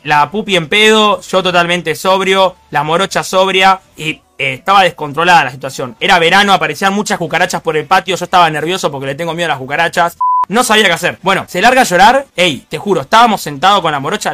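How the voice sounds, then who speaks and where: Man, Rioplatense accent, young adult, comic anecdote, slangy, rapid-fire, high-pitched. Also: bright, forceful tone. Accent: Rioplatense Spanish. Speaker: storyteller.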